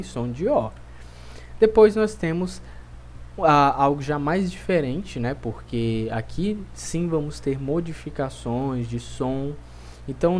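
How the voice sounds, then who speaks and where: Slow, deliberate Brazilian male teacher. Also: fairly high pitch, darkish tone. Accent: Brazilian Portuguese. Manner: clear and deliberate, repeats words slowly for drilling. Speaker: language teacher. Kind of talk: pronunciation lesson.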